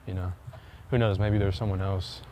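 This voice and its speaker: A man vlogs outdoors during a walk, chatting casually in a rambling, hesitant way packed with fillers and restarts. His voice is low, with fairly even intonation and a moderate pace, and loud wind noise hits the mic.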